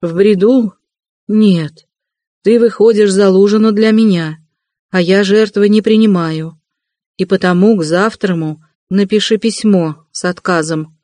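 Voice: medium pitch, a little slow, dark tone, no echo, lightly acted. Raskolnikov, a reader voicing a feverish, irritable young man. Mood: irritable insistent. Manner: irritable, insistent.

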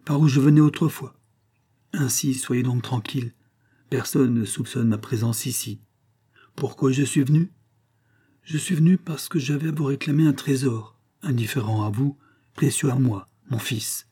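A stern mesmerist who speaks in firm, measured commands, as a man reading the story plays him. The voice is dark, mellow and a little husky, close to the reader's own, an imposing doctor from an old novel. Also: medium pitch, natural voice.

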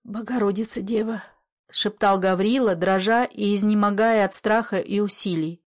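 A woman narrating a classic story aloud with measured, expressive storytelling. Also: mid-range voice. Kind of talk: reading classic literature aloud.

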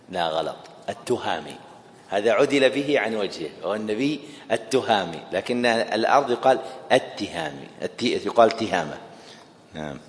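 Male teacher in echoey hall. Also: medium pitch. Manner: explanatory, repeats key phrases, quizzes listeners. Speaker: teacher explaining a text. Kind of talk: classroom lecture. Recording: echoey hall with long reverb.

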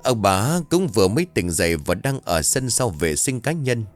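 Over soft background music, a man with a fairly low voice narrates a ghost story at normal speed in a dramatic, expressive storytelling manner.

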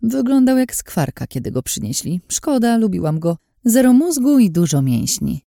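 A woman's voice: fairly high pitch, very animated, normal speed, vocal fry, dark tone, no echo, studio quality, voice pushed up. A woman voicing a scheming, mocking woman in an audiobook, smug and threatening, in a taunting sing-song way.

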